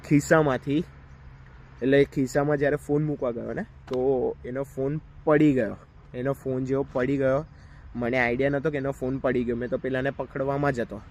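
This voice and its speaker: A man's voice: mid-range voice, darkish tone, dull audio, slight background noise. A man telling a story in a casual vlog, talking straight to his viewers while outdoors in a park. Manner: chatty, addresses viewers directly. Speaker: vlogger.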